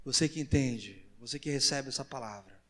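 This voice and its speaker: A man with a Brazilian Portuguese accent preaching a sermon as pastor, in slow emphatic phrases that rise to loud exclamations. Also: mid-range voice. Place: large church hall. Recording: church hall with long reverb.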